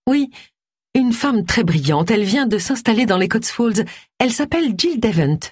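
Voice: medium pitch, sing-song, normal speed, breathy edge, no room sound, clean studio sound, pitched above the performer's own voice. A reader voicing a smug, sugary woman, honeyed and haughty. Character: smug, sugary older woman, easily offended. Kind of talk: audiobook character voice.

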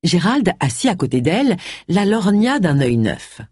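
An audiobook narrator with a husky, somewhat low female voice reads a story as scripted narration. Her delivery is sing-song, a little slow and a little mellow, captured in a dry, studio-quality recording.

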